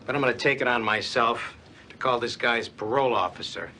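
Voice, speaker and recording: A man's voice: mid-range voice, fairly quick, pushed and bright, a little hiss or hum, close to an everyday voice. Man playing a sneering hotel security chief. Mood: sarcastic. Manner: officious, sarcastic.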